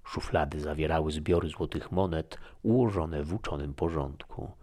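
A man narrating a classic novel in a measured, formal reading style. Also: a bass voice, darkish tone. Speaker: audiobook narrator. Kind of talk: scripted narration.

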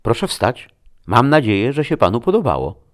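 A man's voice: medium pitch, big pitch swings, moderate pace, voice pushed up, natural voice. A man voicing a polite, businesslike young female technician. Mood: brisk.

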